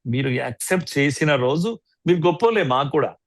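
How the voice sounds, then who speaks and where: A man's voice: fairly high pitch, lively intonation, brisk, no echo. A man with a Telugu accent, a guest commentator in a studio interview, speaking in an emphatic, lecturing way.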